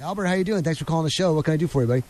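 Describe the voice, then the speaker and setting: A man hosting a call-in radio show, talking in a quick, chatty, rambling way and taking callers. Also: a little high, darkish tone, no echo.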